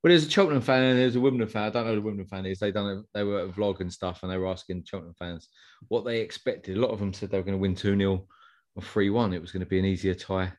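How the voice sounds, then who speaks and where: A man speaks in a fairly low register with an Essex accent. He co-hosts a casual football chat. His phrasing is colloquial and slangy, like talk between mates. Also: fairly even intonation, racing, darkish tone. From Essex, England. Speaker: podcast co-host.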